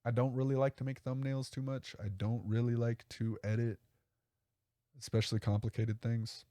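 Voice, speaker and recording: A man's voice: on the low side, warm tone, no room sound, clean studio sound. A man hosting his own podcast solo, talking casually in a rambling, self-correcting, enthusiastic way. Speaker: podcast host.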